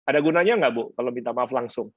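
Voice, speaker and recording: A male pastor teaching a conference session, lively and animated, mixing in English words and acting out quoted couples. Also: fast talker, breathy edge, no echo, muffled recording. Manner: lively, acts out quoted couples in higher voices; mixes English words into speech. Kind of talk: seminar teaching talk. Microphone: conference stream.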